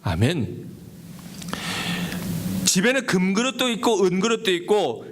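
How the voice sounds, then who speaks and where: A man's voice: high-pitched, very animated, normal speed, noisy background. A man preaching a sermon as pastor, earnest and asking his congregation questions. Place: church service held in a cinema hall.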